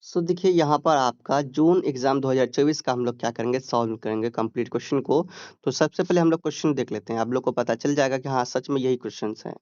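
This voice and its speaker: A man with a Hindi accent teaching an exam-prep lesson, explaining step by step, drawing out English words slowly and checking in with students. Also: medium pitch, a little mellow, clean tone, no room sound, highs cut off. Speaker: exam tutor.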